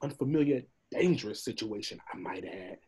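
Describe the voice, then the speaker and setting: A man voicing a talkative, cowardly donkey in a read of an animated film script, with a husky voice and a jittery, rambling, wheedling manner. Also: on the low side, normal speed. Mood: nervous babbling.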